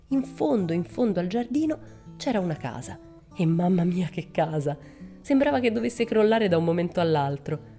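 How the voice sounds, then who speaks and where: Low-voiced woman reading a children's story. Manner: measured, expressive storytelling. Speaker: audiobook narrator.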